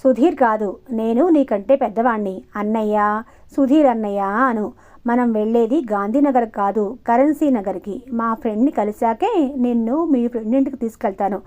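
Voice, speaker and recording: A woman's voice: fairly high pitch, normal speed, darkish tone, natural voice. A woman voicing a teasing, sarcastic young man who is an older cousin, reading audiobook dialogue. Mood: stern. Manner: mocking, sarcastic. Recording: muffled lo-fi recording.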